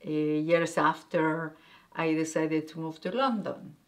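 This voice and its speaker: This guesthouse owner, interviewed as a guest, is a middle-aged woman from Argentina who speaks Spanish natively and has an Argentinian accent. Her deep voice stays at a level tone while she replies hesitantly, groping for words amid plenty of fillers.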